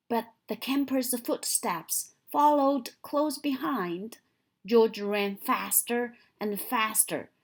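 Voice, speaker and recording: A woman with a fairly high-pitched voice reads a picture book aloud to young children. Her storytelling is expressive, with dramatic emphasis on key moments.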